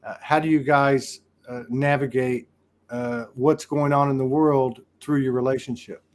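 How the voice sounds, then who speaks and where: A man's voice: medium pitch, fairly even intonation, unhurried, darkish tone. A man hosting a casual interview, teasing and asking loose, searching questions. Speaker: host.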